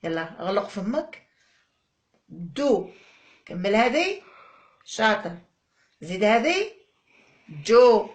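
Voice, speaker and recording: A woman's voice: medium pitch, sing-song, takes it slowly, long pauses. A woman with an Algerian Arabic accent teaching a phonics lesson to young children, drawing out each syllable and coaxing and praising the child.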